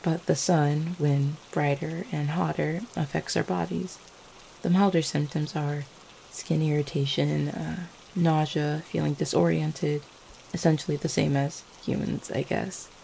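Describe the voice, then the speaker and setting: A woman acts as a gentle, loving vampire girlfriend for ASMR, unhurriedly explaining with tenderness, slight hesitation and soft-hearted reassurance. Her voice is low and mellow, creaking gravelly at its edges. Poor audio carries a faint, steady patter of falling rain.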